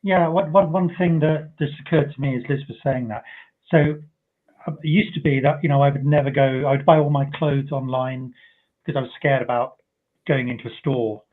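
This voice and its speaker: Chatty panelist on a thin phone line. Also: male voice, medium pitch, steady tone, moderate pace. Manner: chatty storyteller who acts out voices in quotes. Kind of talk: anecdotal panel chat. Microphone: video call. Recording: tinny phone-like audio.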